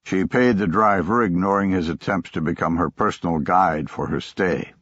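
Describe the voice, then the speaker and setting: A man narrating a thriller audiobook in a steady, even storytelling manner. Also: low-pitched, moderate pace, no echo, highs cut off.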